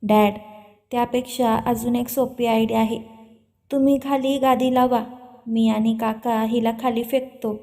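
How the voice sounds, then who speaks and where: A woman voicing an excitable, teasing young man in a storybook reading. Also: very high-pitched, measured pace. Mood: mischievous. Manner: excited, mischievous.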